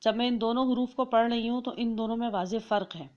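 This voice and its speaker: A woman teaches letter pronunciation in an instructional lesson. Her voice sits fairly high and she draws out each sound slowly so listeners can copy it. The recording sounds dull and lo-fi. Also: steady tone, darkish tone. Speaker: Quran reading teacher.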